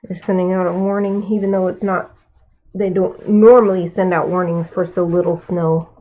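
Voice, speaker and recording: The sound is tinny, like a phone, as a Californian woman muses aloud during a live painting session. Her voice is lowish and flat, her speed normal, and she murmurs to herself between casual remarks.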